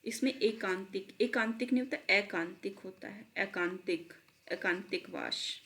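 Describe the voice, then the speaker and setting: Woman teaching spelling, repeating words slowly. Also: medium pitch, gravelly, fairly bright tone. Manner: drills words by repeating them slowly, mixes in English terms. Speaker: exam coaching teacher. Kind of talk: online spelling lesson. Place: at a laptop.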